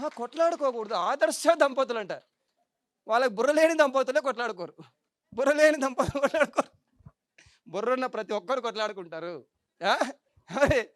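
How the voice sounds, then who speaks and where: A man's voice: very high voice, dry recording, studio quality. A man giving a motivational meditation talk, who keeps asking the audience for agreement and mocks everyday complaints. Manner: lively, repetitive, mocking tone. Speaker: meditation speaker.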